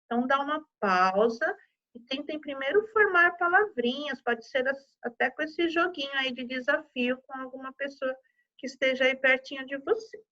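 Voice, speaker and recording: Brazilian woman, primary teacher, patient and slow syllable drills, somewhat high voice, lo-fi audio. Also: bright, forceful tone. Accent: Brazilian Portuguese. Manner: slow, exaggerated syllable-by-syllable pronunciation with frequent "tá?". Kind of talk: primary school lesson video. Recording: slightly dull lo-fi recording.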